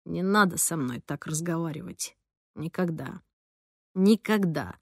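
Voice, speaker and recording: A woman voicing a good-natured teenage boy who speaks low and subdued. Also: animated, unhurried, dry recording, studio quality, lightly acted. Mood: hurt.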